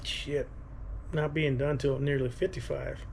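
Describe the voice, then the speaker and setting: Casual male vlogger, thirties: gravelly fry, rambling, halting delivery, faint background noise. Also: mid-range voice, flat delivery, a little mellow. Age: 30s. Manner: halting, thinking aloud. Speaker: running vlogger. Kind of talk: casual rambling vlog talk.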